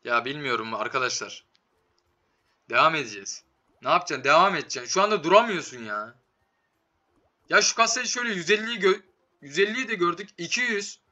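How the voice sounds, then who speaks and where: Bright, forceful man with tired voice. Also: a little high, lively intonation, fairly quick, pauses often. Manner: slangy, swearing, talking to the game. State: slightly sick, voice giving out. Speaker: slot game streamer. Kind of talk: casual live gameplay commentary. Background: game music.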